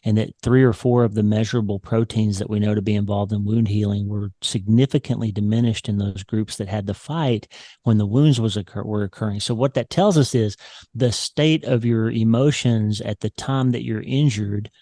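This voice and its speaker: Using a large boom-arm studio mic in his home office, a surgeon appearing as a video-call interview guest goes into research studies at length. He speaks at a moderate pace in a lowish, mellow voice that stays steady, and there's no echo.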